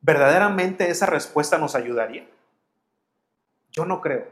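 Male pastor, fairly high voice, preaching, rhetorical questions to the congregation. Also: lively intonation, normal speed. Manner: addresses listeners as family, asks rhetorical questions. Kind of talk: sermon.

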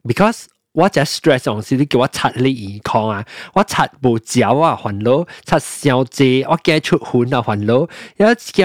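A man talks in a relaxed, casual chat at a very slow, halting pace, often stopping to restart and mixing languages freely. His voice sits in a middle register. The sound is dry and close, with little room echo. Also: medium pitch. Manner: code-switching, slow and halting, with many restarts. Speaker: explaining how voting works.

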